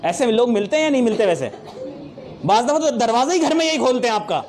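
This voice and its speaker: A man giving a lively, playful motivational training talk to an audience, often laughing as he speaks. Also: very high-pitched, fast talker, a crowd in the background. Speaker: sales trainer.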